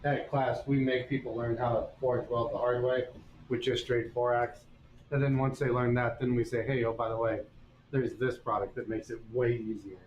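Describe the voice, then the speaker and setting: A man's voice: mid-range voice, little pitch movement, normal speed, dull audio. Blacksmith guy chatting thru a forge demo, folksy, echoey shop, bit of hiss. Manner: folksy, explains step by step. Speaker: blacksmith teaching on a stream. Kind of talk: casual live demonstration. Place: forge workshop.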